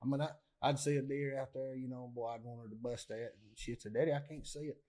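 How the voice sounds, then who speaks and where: A man's voice: medium pitch, steady tone, brisk, darkish tone. A man, a co-host talking candidly in casual chat about hunting with his daughter. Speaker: podcast co-host.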